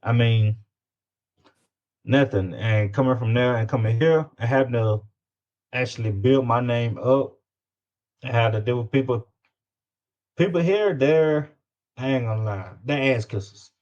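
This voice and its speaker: A man from Louisiana, an independent music artist, talks casually as an interview guest in a Southern US accent, using slang and repeating himself for emphasis. His mid-range voice is a little mellow, moving at a measured pace with frequent pauses. The recording sounds dull and lo-fi.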